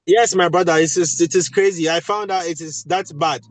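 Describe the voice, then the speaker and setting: High-voiced Ghanaian man, emphatic. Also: fairly even intonation, fairly quick. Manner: emphatic, repeats key phrases. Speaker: voice actor and audio producer speaking at a webinar. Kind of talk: animated panel talk.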